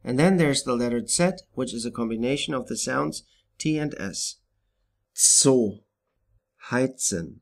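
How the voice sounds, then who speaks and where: A man narrating a pronunciation lesson in a slow, deliberate way, pausing on each example word. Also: medium pitch, creaky. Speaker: language teacher. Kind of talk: scripted instructional narration.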